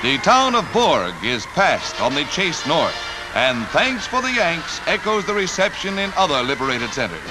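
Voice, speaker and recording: 1940s newsreel narrator, man, high-ish lively voice, punchy and wry, music bed behind. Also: normal speed, poor audio. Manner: punchy announcer delivery with wry quips. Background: music score.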